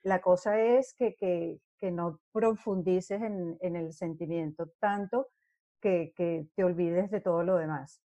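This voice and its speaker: A middle-aged actress tells stories in a casual interview and acts out the scenes as she goes. Her voice is mellow and dark. The sound is dry and close. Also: fairly low pitch, takes it slowly, no room sound, dull audio. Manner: animated storyteller who acts out scenes.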